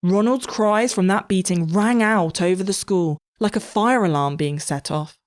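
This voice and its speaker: A woman narrating a comic story in a lively storytelling manner. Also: mid-range voice, normal speed.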